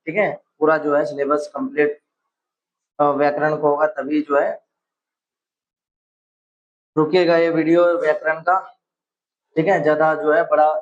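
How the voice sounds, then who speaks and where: A man with a somewhat high voice leads a casual exam-prep grammar lesson. He asks each question, then repeats the answer back to his students to make it stick. The recording sounds a little dull and lo-fi. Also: slight background noise. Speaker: teacher.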